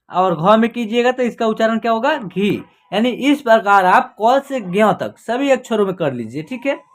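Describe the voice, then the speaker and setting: Lady teacher in an online class, spells out letters, asks herself what the word is then says it. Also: fairly high pitch. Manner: drills sounds, asks and answers own questions; spells out letters slowly before each word. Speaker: Hindi reading teacher. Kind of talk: online beginner reading lesson.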